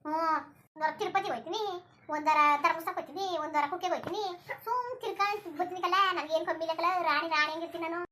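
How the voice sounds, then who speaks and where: A woman voicing a bald, sharp-tongued old village grandmother in a cartoon, who scolds nonstop in rural Karnataka Kannada. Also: extremely high pitch, a little hiss or hum. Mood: boastful. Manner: scolding, rapid-fire, crude rural Kannada. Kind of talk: cartoon voice acting.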